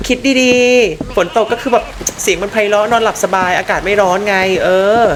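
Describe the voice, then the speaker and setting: A young woman streaming a horror game live, talking to her viewers in a chatty, excitable way, swearing freely and squealing at the scares. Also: mid-range voice, moderate pace, slight background noise.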